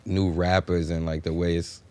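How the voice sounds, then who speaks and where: A man co-hosting a casual podcast, speaking in slang and haltingly circling his point. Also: low voice, level tone, a little mellow. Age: 30s. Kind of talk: casual chat.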